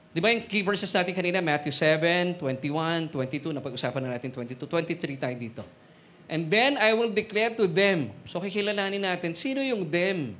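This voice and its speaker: A man with a Filipino accent preaching a sermon, mixing Tagalog and English, joking with the congregation and slowing down on Bible verses. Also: sits high, fairly bright tone, slight background noise. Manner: switches between Tagalog and English, jokes with congregation; slows to stress Bible verses. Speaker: pastor. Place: church hall.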